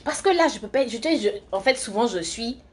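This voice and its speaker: A woman's voice: fairly high pitch, expressive, moderate pace, noisy background. A young woman from Côte d'Ivoire, chatting casually on a livestream, answering comments in a rambling way while doing her makeup. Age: young adult. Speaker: live streamer and student.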